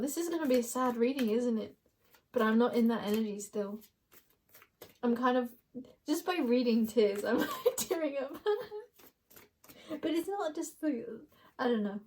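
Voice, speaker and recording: A young woman with a slightly high voice works through a card reading for her viewers. She muses aloud, trails off and second-guesses herself, and breaks into giggles often. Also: a little mellow. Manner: giggly, musing, talks to viewers as you guys. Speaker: tarot card reader. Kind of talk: intuitive card reading to camera.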